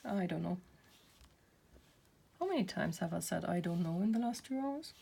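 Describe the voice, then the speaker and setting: A woman's voice: lowish voice, very animated, fast, vocal fry, dark tone, a little hiss or hum. A woman who hosts a craft channel, chatting casually while she works and rambling with self-deprecating laughs. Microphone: built-in camera mic.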